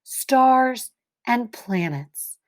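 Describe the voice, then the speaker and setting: Reading a children's picture book aloud the way a teacher would, a woman uses deliberate, expressive phrasing and dramatic pauses. Her voice is slightly high.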